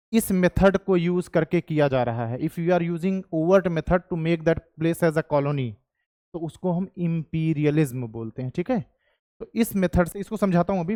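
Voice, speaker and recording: A man's voice: a little high, a little mellow, dry recording, clean studio sound. A young adult man with an Indian accent teaching history to a class, joking with students and slipping between Hindi and English. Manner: jokey, mixes Hindi and English, asks the class questions. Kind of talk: classroom lecture.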